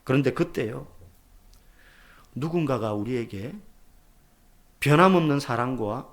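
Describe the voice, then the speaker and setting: A man preaching a sermon as pastor, asking rhetorical questions and sometimes dropping to a soft near-whisper. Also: medium pitch, lively intonation, unhurried.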